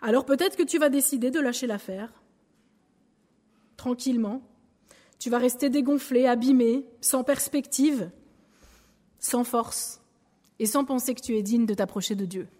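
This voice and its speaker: A woman giving a lively sermon in church, acting out an illustration with a balloon. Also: fairly high pitch, moderate pace, long pauses, in a large hall. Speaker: church speaker. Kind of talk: sermon with object lesson.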